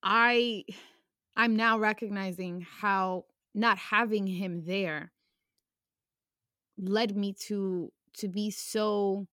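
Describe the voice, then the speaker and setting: A woman's voice: medium pitch, steady tone, extremely slow, fairly bright tone, no room sound. Casting: young woman, raw and emotional, casual slang, dry close recording. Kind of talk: candid personal conversation.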